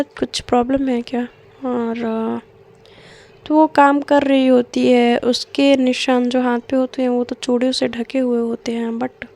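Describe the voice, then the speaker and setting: A young woman tells a family love story in a chatty, casual way and adds her own asides for listeners. She speaks slowly, in a slightly high voice with a noticeable gravelly fry. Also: darkish tone.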